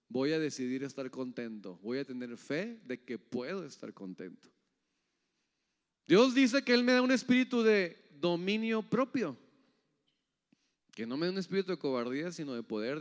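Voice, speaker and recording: Male preacher, fairly high, resonant voice, church hall with long reverb; sermon style that swings loud and soft, keeps quizzing the congregation. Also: smooth. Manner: keeps asking the audience "yes or no?"; swings between loud rising calls and soft low asides.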